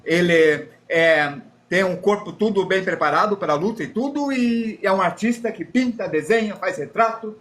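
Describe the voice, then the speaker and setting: Teaching drawing live, this Brazilian man talks at a normal speed in a high-sitting, fairly bright voice with a Brazilian Portuguese accent. He's chatty and self-deprecating, explaining as he draws and replying to chat messages.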